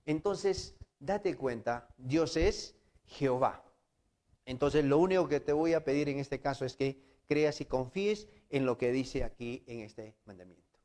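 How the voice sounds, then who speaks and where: A man's voice: medium pitch, measured pace, darkish tone. A man preaching a sermon in a conversational way, often checking for his listeners' agreement. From Peru. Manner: conversational, asks the audience for agreement. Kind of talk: sermon with storytelling.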